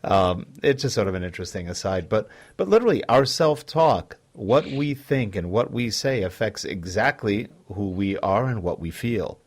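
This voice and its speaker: A man's voice: on the low side, moderate pace, hardly any pauses. A man co-hosting a talk show, chatting animatedly and acting out the voices of the people he describes. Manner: animated, acts out quoted voices. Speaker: co-host. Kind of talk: casual talk show chat.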